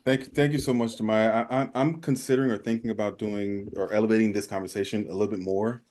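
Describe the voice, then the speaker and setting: A man with a fairly low voice hosts a casual interview. He speaks in a halting way, doubling back on words while he looks for the right phrase. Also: steady tone, darkish tone. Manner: halting, often repeats words as he searches for phrasing. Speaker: podcast host.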